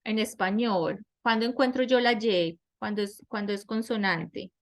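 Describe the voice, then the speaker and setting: Slow, patient woman teaching an online class. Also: mid-range voice. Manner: explains step by step, asks students questions. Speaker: English teacher.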